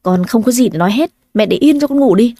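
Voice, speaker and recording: A woman reading the lines of a cold, scornful young husband in a spoken story, in a warm, fairly high voice. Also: expressive, quick pace, no room sound, studio quality. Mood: dismissive. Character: callous drunk young husband, contemptuous.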